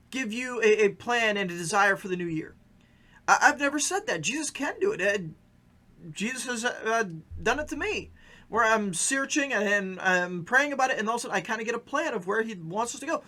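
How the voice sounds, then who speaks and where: A male pastor hosts his own podcast in a preaching style. His voice is bright and forward, and he talks earnestly and emphatically. He often stumbles into quick restarts before pushing his point. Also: very high voice.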